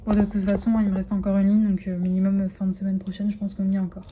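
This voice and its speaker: At home indoors, a young female vlogger with a French accent chats casually to her phone camera, rambling with plenty of fillers and restarts. Her medium-pitched voice is monotone, quick and mellow, and the recording sounds muffled.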